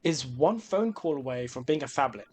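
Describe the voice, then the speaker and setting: A man's voice: mid-range voice, expressive, moderate pace. A man hosting a comedic video essay on games, sarcastic and sweary, mixing scripted commentary with rambling asides.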